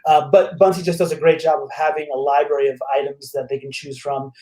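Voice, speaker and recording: A man's voice: on the high side, flat delivery, quick pace, warm tone, low-quality recording. A man, a teacher guest, chatting casually on a live webinar and walking through his shared screen.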